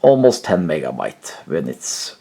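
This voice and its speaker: With a rumbling low, creaky voice, this man sounds very animated yet talks a little slowly, and the recording is very noisy. He hosts a retro tech video, demonstrating a computer casually and without a script, often hesitant and searching for words, as music plays from the computer's audio player.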